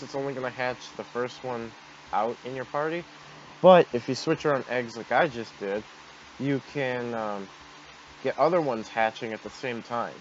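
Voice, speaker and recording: A man giving casual commentary as he hosts a gameplay video. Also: medium pitch. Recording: dull noisy home microphone.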